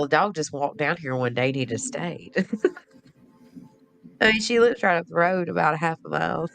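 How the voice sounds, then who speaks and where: A woman's voice: lowish voice, creaky, a bit bright. A woman hosting a casual live stream, chatting in a rambling way and laughing often. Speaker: livestream host.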